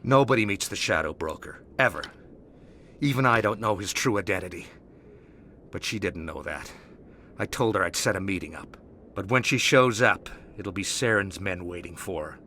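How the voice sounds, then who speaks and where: An actor playing a cowardly, self-serving crime boss in a video game, talking in an anxious, defensive way. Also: male voice, low voice, moderate pace, bright, forceful tone, slight background noise. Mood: defensive, sly.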